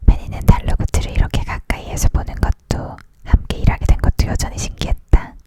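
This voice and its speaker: Unvoiced whisper, leaning in, ASMR storybook reading, soft narrator delivery. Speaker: audiobook reader.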